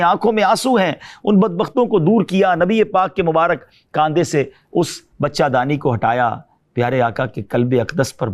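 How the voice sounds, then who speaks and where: A man giving an emotional religious storytelling sermon. He speaks straight to his listeners and recites verse slowly and with feeling. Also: sits high. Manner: impassioned, addresses listeners directly. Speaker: Islamic preacher.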